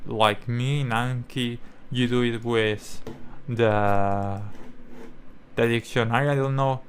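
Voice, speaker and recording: A man talking casually to camera as a language-learning creator, halting and searching for words with many restarts. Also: mid-range voice, clear, resonant tone.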